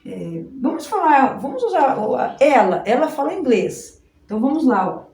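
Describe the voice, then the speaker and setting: A woman from Brazil teaching an informal English lesson. She explains slowly, repeats herself and often adds little checks like "right?" and "look". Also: high voice, sing-song, a little mellow. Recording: echoey room with faint noise.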